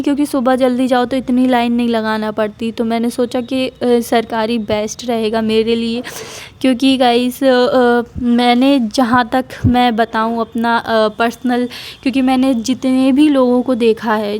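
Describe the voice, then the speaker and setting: A young woman with a slightly high voice talks into her phone camera while lying down at home. She rambles in a casual vlog, full of fillers and restarts. Her pitch stays flat, and she sounds tired from pregnancy. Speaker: vlogger.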